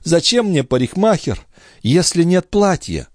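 A man voicing an excitable, dramatic highborn countess in an audiobook. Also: a little slow, no echo, studio quality. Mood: distraught. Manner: exclaiming, theatrical.

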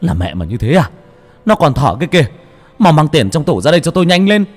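A man voicing a furious middle-aged father who shouts and barks orders in a story read aloud. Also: fairly high pitch, sing-song, a little fast, long reverb tail, soft background music, voice pushed up.

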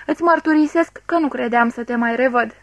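A woman's voice: high-pitched, fairly bright tone, dry recording. A woman reading aloud, voicing a good-humored older male money changer. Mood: genial.

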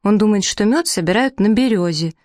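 A woman's voice: medium pitch, animated, fairly quick, a little mellow, no echo, clean studio sound, voice pushed up, natural voice. A woman voicing a bossy little girl who explains things in a matter-of-fact, knowing way.

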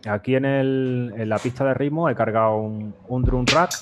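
A man casually walking through his music software setup, explaining step by step, with frequent fillers and restarts. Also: mid-range voice, moderate pace, background noise. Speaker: guest music producer. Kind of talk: casual demo walkthrough.

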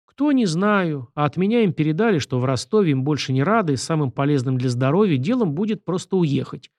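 A man reading the lines of a calm, ironic young man in an audiobook, dry in manner. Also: a little high, fairly quick, no room sound.

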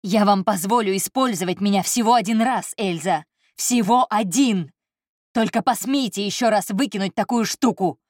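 A woman narrator voicing an agitated, feverish man who complains and shouts dramatically. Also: medium pitch, moderate pace, few pauses, no echo, studio quality, pitched above the performer's own voice, natural voice. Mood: angry. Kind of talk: audiobook character voice.

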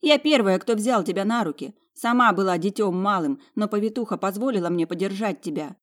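A woman's voice: medium pitch, a little fast, close to an everyday voice. A woman voicing a fierce, protective older sister in an audiobook, speaking harshly and bitterly. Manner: harsh, forceful.

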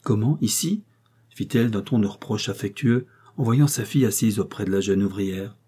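Male narrator, audiobook reading, measured delivery, low voice, mellow tone. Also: slightly rough. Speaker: audiobook reader. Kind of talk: scripted narration of a novel.

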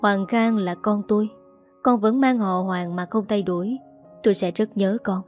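A woman's voice: medium pitch, steady tone, moderate pace, a little mellow, faint music behind, lightly acted. A woman voicing a grave, generous young husband. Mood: earnest.

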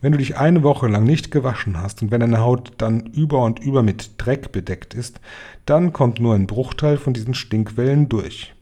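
A man's voice: medium pitch, normal speed, mellow, lightly acted. A man voicing a stern, knowing old grandmother who gives grave, matter-of-fact warnings in a storybook.

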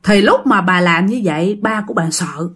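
A woman with a Southern Vietnamese accent, narrating a ghost story to her listeners in lively quoted speech. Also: on the low side, normal speed, husky.

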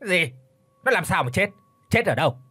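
A man voicing a gruff, bullying older village deputy chief in an audiobook, barking and scornful. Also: high voice, sing-song, moderate pace, pushed and bright, dry recording, voice pushed up, exaggerated voice.

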